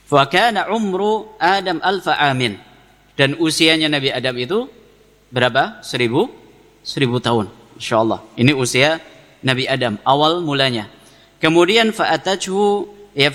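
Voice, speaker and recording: A man's fairly high, slightly bright voice leads an Islamic lecture in a Javanese Indonesian accent. Reading Arabic text first, he then explains it to the congregation didactically, repeating phrases and asking questions he answers himself. Long reverberant hall echo colors the recording.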